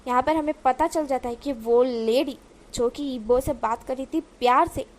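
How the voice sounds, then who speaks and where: A woman's voice: high-pitched, moderate pace, darkish tone. A woman storyteller retelling fan fiction in a chatty way, sometimes correcting herself mid-sentence.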